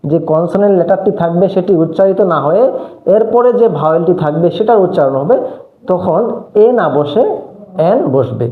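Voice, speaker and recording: A teacher giving a grammar lesson, who keeps asking the class questions and then answering them. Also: medium pitch. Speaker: English teacher. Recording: echoey, phone-like narrow sound.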